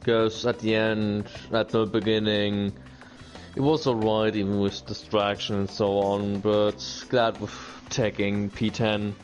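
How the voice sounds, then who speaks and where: Slow, low-voiced man on a dull mic. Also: little pitch movement, soft background music. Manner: halting, with many fillers and restarts. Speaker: sim racing league driver. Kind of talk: casual post-race chat on a livestream.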